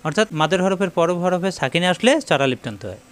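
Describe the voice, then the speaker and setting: A man teaches beginners to read Arabic letters, spelling each one out and repeating the pattern patiently. His voice sits a little high and comes across smooth and resonant. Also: expressive, fast talker. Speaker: Quran reading teacher. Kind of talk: spoken lesson on Arabic letters.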